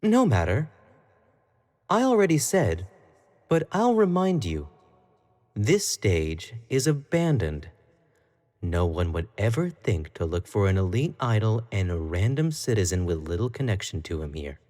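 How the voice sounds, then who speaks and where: Menacing and possessive, a man speaks in a lowish, darkish voice with big pitch swings and a slightly slow pace. He's playing an obsessive, jealous young pop idol in a dramatic monologue, addressing the listener intimately as he alternates between sweet pleading and cold condescension.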